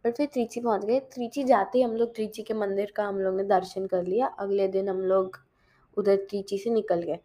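A woman's voice: mid-range voice, steady tone, normal speed, dark tone. A teenage girl chatting casually in a diary-style vlog, mixing in English and often correcting herself mid-sentence. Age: teens. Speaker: vlogger.

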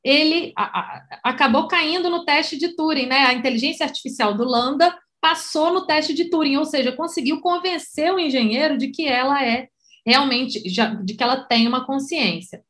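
A woman's voice: high voice, normal speed, a bit bright. A woman explaining a topic on a live stream, talking loosely with many fillers and restarts. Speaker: course coordinator.

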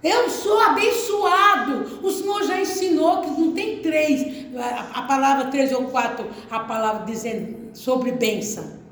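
A woman's voice: high voice, normal speed, darkish tone. A woman pastor from Brazil preaching a sermon emphatically, repeating phrases and calling out to the congregation for an amen. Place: church service. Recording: very echoey church hall.

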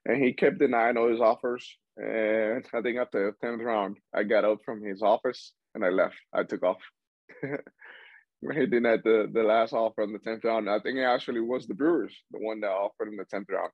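This is a young man from Cuba talking casually as an interview guest, a little low in pitch. He rambles and restarts his sentences. His voice comes through a dry, slightly muffled recording. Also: fairly even intonation, normal speed, no room sound. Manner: rambling with frequent restarts and laughs. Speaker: interview guest, baseball player.

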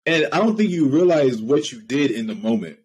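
Enthusiastic young host praising a guest. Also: male voice, mid-range voice, lively intonation, a little fast, darkish tone, breathy edge, rough recording. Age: 30s. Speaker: podcast host. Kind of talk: casual interview.

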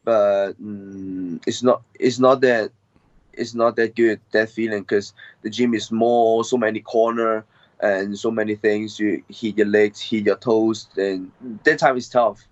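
In a relaxed interview, an MMA fighter guest talks in a lowish, steady voice. He is a hesitant young man with a Hong Kong accent whose non-native English halts and fills up with fillers, captured on a dry, dull, lo-fi recording.

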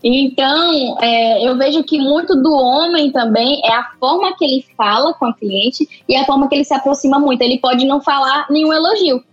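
A woman with a Brazilian Portuguese accent, a photographer chatting casually as a podcast guest, talkative and animated with lots of fillers. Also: high voice, normal speed, hardly any pauses, dull audio.

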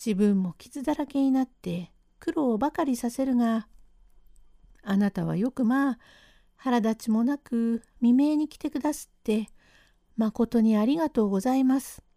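A woman's voice: a little high, moderate pace, warm tone, no room sound, clean studio sound, lightly acted. A woman voicing a humble, hard-of-hearing old man in a rakugo storytelling reading. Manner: polite, rambling, mishears everything. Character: elderly male plasterer's father, hard of hearing, humble.

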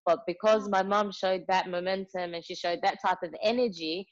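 A woman's voice: lowish voice, steady tone, normal speed. A young woman, a mother, telling chatty stories with plenty of fillers in casual conversation. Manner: chatty storyteller, many fillers. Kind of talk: casual chat. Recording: slightly muffled lo-fi audio.

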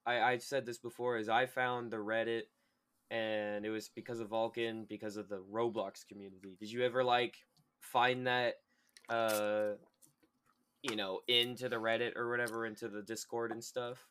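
A man hosts a casual podcast conversation. His voice is bright and smooth, and he is laid-back, laughing easily and chiming in often. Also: mid-range voice, little pitch movement, moderate pace. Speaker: podcast host. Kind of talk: casual chat.

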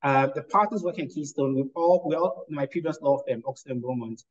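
With a slightly high voice and the top frequencies cut off, this man from Ghana, who works as a lawyer and entrepreneur, responds to an interviewer. He is articulate and analytical, measured in pace, and uses fillers.

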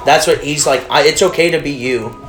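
Male podcast host, slightly high voice, casual debate, S's whistle, roomy sound. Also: brisk, a bit bright. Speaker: podcast host posing questions to a group. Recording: roomy echo, faint music behind.

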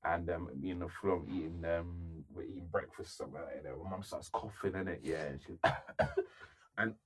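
A man's voice: sits low, normal speed. A young man, telling stories in a casual, slang-heavy podcast chat and tagging his phrases with "innit". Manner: animated, slangy, tags nearly every phrase with "innit". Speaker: podcast co-host.

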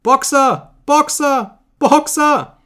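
A man voicing a motherly old mare who cries out in an anguished, high voice. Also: drawn-out words, sharp tone, heavily acted.

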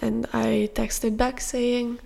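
A young woman hosts a podcast, telling a personal story in a candid, confessional way. Her voice carries a gravelly vocal fry, and she pauses on soft fillers as she goes. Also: on the high side, little pitch movement. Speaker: podcast host.

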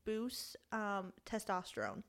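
A woman's voice: medium pitch, big pitch swings, takes it slowly. A woman in her twenties co-hosting a podcast, chatty and storytelling, swearing and laughing often. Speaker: podcast co-host. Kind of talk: casual chat.

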